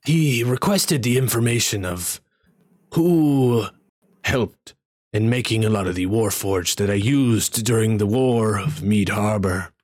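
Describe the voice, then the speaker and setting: A man voicing a proud bird-like male king in a tabletop game, speaking in a grave, halting way. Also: fairly low pitch, darkish tone, no echo, studio quality.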